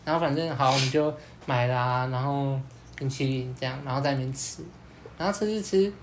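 A man's voice: mid-range voice, fairly quick, noisy background. A young man with a Taiwanese Mandarin accent, hosting a podcast and telling a dating story in casual chat with slang and mild swearing. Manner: lively anecdote-telling, acts out quoted lines. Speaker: podcast host.

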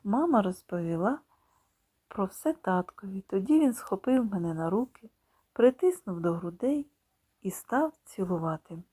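A woman with a husky, mid-range voice reads a children's story as an audiobook, narrating slowly and expressively from a script and occasionally dropping to a whisper.

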